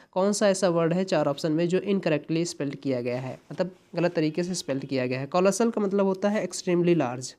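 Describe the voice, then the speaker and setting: A man with a mellow, fairly high-pitched voice tutors students in exam English. He explains things step by step, repeats key words, and uses frequent tag questions in this exam-prep lesson.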